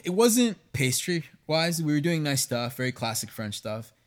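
A man, a pastry chef, talking candidly in a casual podcast conversation, animated, cursing freely and often restarting his sentences. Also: fairly high pitch, normal speed. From United States, raised partly in Venezuela.

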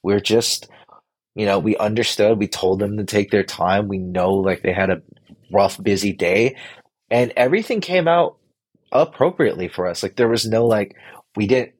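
A young man from the Bay Area talks in a loose, rambling monologue, full of "like" and restarts. His voice sits low and has a slightly husky edge. The recording is dry and close, with no room sound. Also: normal speed, no echo. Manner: rambling, frequent fillers and restarts. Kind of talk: casual storytelling monologue.

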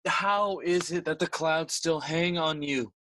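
An actor playing a stately, smooth-talking usurper king with formal, declamatory oratory in a bilingual Spanish-English audio play. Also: a little high, measured pace, pushed and bright, no room sound. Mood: gracious.

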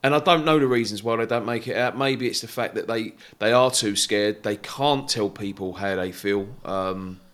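A man's voice: on the low side, normal speed, few pauses, fairly bright tone. A man, hosting a podcast in a casual, informal conversational style and often repeating his phrases. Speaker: podcast host.

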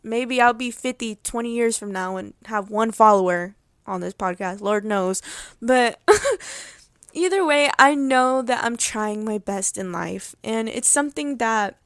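A woman's voice: on the high side, animated, measured pace, no echo, studio quality. A young woman in her late teens hosting her own podcast, chatting about her life in a rambling, heartfelt way with many fillers and restarts, and laughing often. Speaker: podcast host. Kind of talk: casual personal update.

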